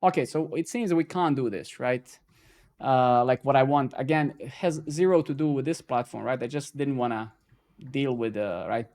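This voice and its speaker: A Serbian-born stream host speaks at normal speed in a mid-range voice with a darkish tone. His live-coding stream is laid-back and loose, with curses when he gets frustrated and plenty of tacked-on "right?" and "man."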